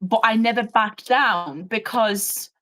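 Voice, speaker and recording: Blunt, animated woman telling stories. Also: fairly high pitch, slow. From United Kingdom. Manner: blunt, animated, swears freely. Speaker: former prison officer, co-host. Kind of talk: casual storytelling chat.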